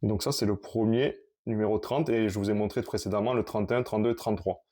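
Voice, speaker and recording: A man casually showing his collection on camera, talking in a halting, rambling way with many restarts. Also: on the low side, steady tone, mellow.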